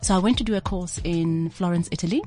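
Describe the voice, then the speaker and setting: A woman's voice: lowish voice, quick pace, dark tone, faint music behind. A middle-aged South African woman with a buttery, honeyed voice, talking as an interior designer in a radio interview. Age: 40s or older.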